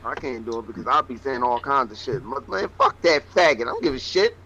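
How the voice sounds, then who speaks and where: A man's voice: medium pitch, lively intonation, a little fast. A man joining a podcast chat, heckling and cursing freely. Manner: heckling, profane. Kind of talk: casual podcast banter. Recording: lo-fi audio with loud crowd noise.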